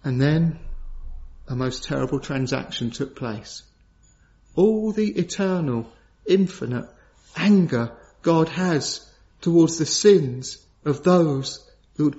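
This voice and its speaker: A man preaching a sermon in an earnest, solemn way. He repeats key phrases for emphasis and swings from raised, urgent questions to low, hushed gravity. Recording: dull lo-fi sound.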